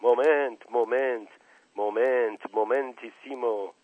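A man's voice: mid-range voice, steady tone, a little hiss or hum, close to an everyday voice. A man playing a witty, bossy aristocrat. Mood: teasing, urgent. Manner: teasing, commanding. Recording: narrow phone-like band, dry.

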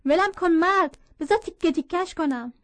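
A woman's voice: very high-pitched, pitched above the performer's own voice. A woman playing a shrieking, furious mother. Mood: raging. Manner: shrieking, desperate. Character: furious grieving middle-aged mother.

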